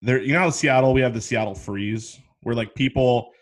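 A man's voice: mid-range voice, normal speed. A young man hosting a podcast in casual chat, a slangy storyteller with many restarts. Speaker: podcast host.

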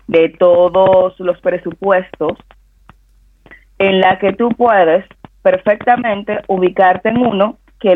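A man from the Dominican Republic, a guest on a radio talk show, calmly explaining and giving advice. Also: high voice, a little hiss or hum. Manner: calm, explanatory, gives advice. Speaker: guest expert. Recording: tinny phone-line audio with faint music.

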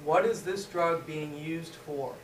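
This pharmacology teacher talks slowly in a highish voice, quizzing his students and then answering his own questions. He's recorded from a distance in an echoey lecture room, with a faint hiss.

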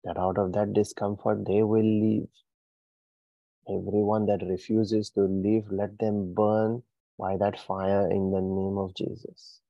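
A man's voice: fairly low pitch, level tone, slow, no room sound, dull audio. A man leading a fiery deliverance prayer, issuing commanding declarations in bursts. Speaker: prayer leader.

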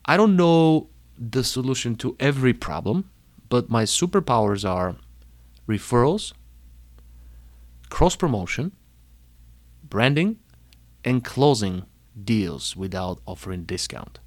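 A young man from Bulgaria with a Bulgarian accent, telling his life story in an emphatic, energetic way and listing words one by one. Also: mid-range voice, slow, pauses often. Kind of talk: personal talk.

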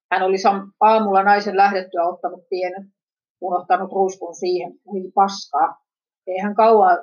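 Brief: woman narrating a story plainly, mid-pitched voice, dull lo-fi recording. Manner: plain steady reading with small slips. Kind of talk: story reading.

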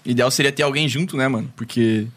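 A young man hosting a podcast, excitedly retelling a chat in casual talk. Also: mid-range voice, fast, no echo.

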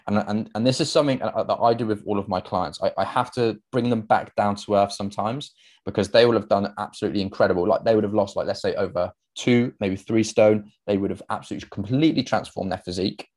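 A man's voice: fairly low pitch, steady tone, quick pace, darkish tone. A young man, a fitness coach, talking through his solo podcast in an earnest, conversational way, full of fillers and restarts.

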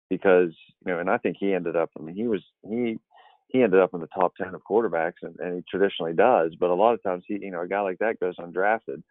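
A man's voice: low voice, dry recording. A man talking fantasy football on a podcast, rambling with many fillers and restarts. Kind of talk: casual podcast chat. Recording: dry, tinny phone-like line.

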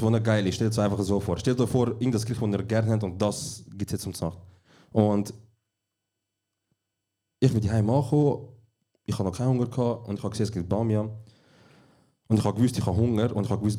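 A young man with a Swiss German accent co-hosts a podcast recorded live, telling his stories in a laid-back, dry way. His voice is low, mellow and a touch husky. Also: fast talker, long pauses. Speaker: podcast co-host. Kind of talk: casual chat recorded live. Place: small venue, live recording.

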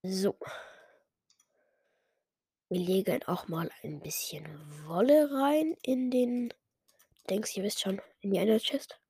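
A woman's voice: mid-range voice, lively intonation, takes it slowly, long pauses, mellow, husky, no room sound, clean studio sound. A woman giving casual, self-mocking commentary while playing a game, muttering some lines under her breath. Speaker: gamer.

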